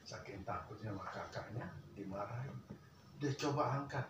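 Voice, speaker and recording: An older man tells a family story in casual conversation, his voice swinging from hushed murmurs to loud outbursts. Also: lowish voice, moderate pace, dull audio. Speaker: guest recounting a family story. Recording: echoey room, distant mic, faint ambient hiss.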